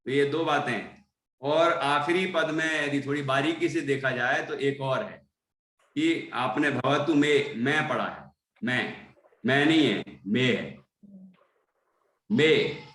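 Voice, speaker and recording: A man teaching a class, patiently correcting recitation and repeating syllables slowly. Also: mid-range voice, a bit bright, reverberant, low-quality recording. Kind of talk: online class correcting pronunciation.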